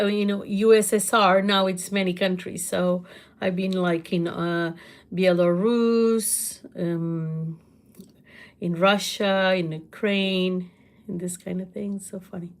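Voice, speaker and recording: Portuguese woman, middle-aged, hosts a casual phone livestream from her kitchen, loud and laughing, takes her time. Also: medium pitch. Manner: loud, laughs often, exclaims. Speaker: livestream host. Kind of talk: casual livestream chat answering comments. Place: home kitchen.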